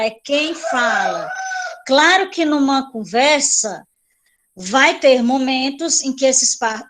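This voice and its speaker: High-voiced woman teaching an online class. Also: fairly bright tone. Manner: repeats and rephrases points, checks in with "tá certo?".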